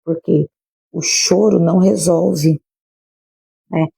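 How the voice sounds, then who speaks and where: A woman's voice: lowish voice, steady tone, takes it slowly, gravelly, mellow, husky, no echo, low-quality recording. A woman pastor with a Brazilian Portuguese accent, preaching earnestly and emphatically in a livestream, speaking directly to her listeners. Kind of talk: livestreamed sermon. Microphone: phone or webcam livestream.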